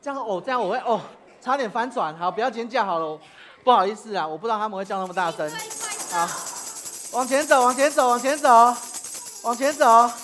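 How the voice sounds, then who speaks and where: A woman's voice: fairly high pitch, brisk, a bit bright, soft background music. A woman, a preacher leading children in a playful church game, calling out commands and laughing often. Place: church sanctuary.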